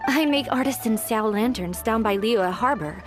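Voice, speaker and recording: An actress playing a gentle young lantern-making artisan in a video game, with a sincere, sentimental manner. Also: female voice, a little high, expressive, normal speed, music in the background, natural voice.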